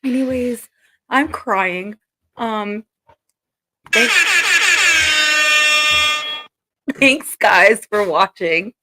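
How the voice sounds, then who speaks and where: A woman's voice: high voice, lively intonation, very slow, long pauses, pushed and bright, slight background noise. A woman co-hosting a sports podcast, teasing her partner, telling jokes and reading sponsor spots. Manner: teasing, giggly, reads ad reads. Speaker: podcast co-host. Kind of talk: casual sports podcast banter.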